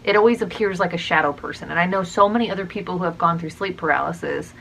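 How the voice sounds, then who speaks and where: Hesitant, musing young woman with a lowish voice. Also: quick pace, vocal fry, fairly bright tone, a little hiss or hum, rough recording. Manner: musing, hesitant, frequent ums and restarts. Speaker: channel host. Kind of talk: casual talk to camera.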